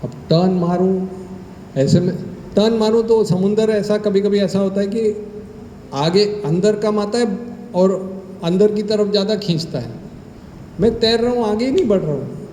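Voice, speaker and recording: Guy giving a temple talk, slightly high voice, tells stories and does the voices, big echoey hall. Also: measured pace, long pauses, a little hiss or hum. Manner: animated storyteller who acts out dialogue. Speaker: spiritual speaker giving a scripture talk. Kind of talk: Hindi scripture discourse with personal stories. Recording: echoey hall with faint ambience.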